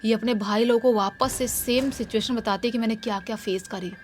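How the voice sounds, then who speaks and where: A woman's voice: fairly high pitch, fairly even intonation, a little fast, background noise. A woman narrating a horror story in a casual way and acting out the dialogue of the people in it.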